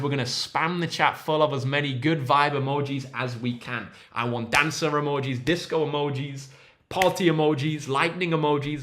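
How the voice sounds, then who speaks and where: A man's voice: medium pitch, a bit bright. A young man, a maths tutor hosting a casual livestream, upbeat and encouraging as he reads out viewers' names from the chat.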